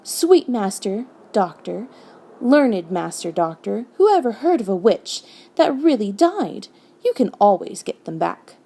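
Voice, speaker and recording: A woman voicing a fawning old hag for a storybook, shrill and whining, with sly, wheedling flattery. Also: unhurried, gravelly, heavily acted.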